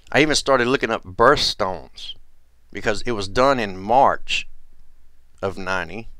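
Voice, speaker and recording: A man hosting his own video, talking in a meandering casual monologue that repeats itself and trails off softly. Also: deep voice, clear, resonant tone, no room sound. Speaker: conspiracy video host.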